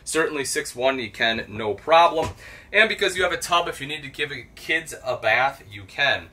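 A man's voice: mid-range voice, expressive, moderate pace, bright, forceful tone. A man in his thirties giving a casual, chatty walkthrough of a travel trailer as a product specialist, recorded inside the small trailer. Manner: easygoing, chatty, lots of "you know".

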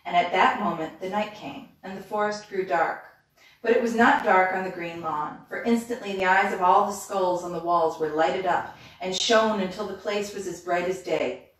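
A woman reading a fairy tale aloud in a steady, measured way, with small slips, in a reading room. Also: fairly low pitch. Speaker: storyteller. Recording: echoey room from far off.

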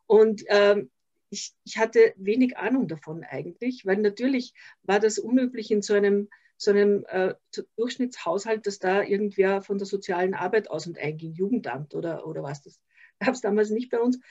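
A woman's voice: mid-range voice, normal speed, darkish tone. An older woman with an Austrian accent, talking as a guest in an interview over a video call, reflective and hesitant with many restarts. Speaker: interview guest, social worker. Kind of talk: conversational interview. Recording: slightly dull video call audio.

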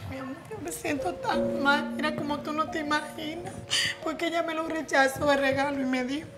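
Casting: actress as a weepy, wounded young daughter, high voice, music behind. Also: female voice, steady tone, brisk, natural voice. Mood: hurt. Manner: tearful, hurt. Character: hurt young daughter feeling unloved. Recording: clear music underneath.

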